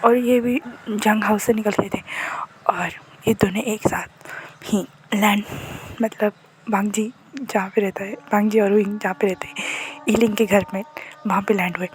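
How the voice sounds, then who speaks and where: Soft-spoken woman telling a story. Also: mid-range voice, steady tone, moderate pace, a little hiss or hum, poor audio. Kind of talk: casual fan-fiction narration.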